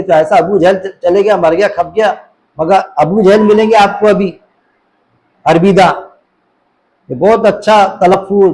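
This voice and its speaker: A man's voice: sits high, a little mellow, rough recording. A middle-aged man giving an informal religious talk, full of rhetorical questions. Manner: conversational, rhetorical questions, mimics voices in anecdotes. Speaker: Islamic preacher.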